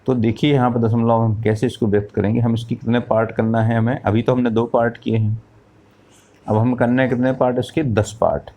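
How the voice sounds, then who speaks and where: A man's voice: mid-range voice, little pitch movement, a little fast, warm tone. A man teaching a math lesson, explaining step by step, asking questions and answering them himself, and counting out parts aloud.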